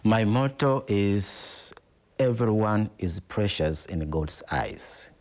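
Slow, very low-voiced Tanzanian bishop. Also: male voice, animated. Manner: slow, deliberate, repeats phrases like "in actual fact". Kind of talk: interview answers.

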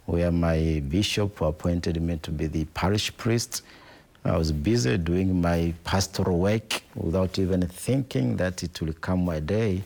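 Slow, very low-voiced Tanzanian bishop. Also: male voice, creaky, darkish tone. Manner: slow, deliberate, repeats phrases like "in actual fact". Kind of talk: interview answers.

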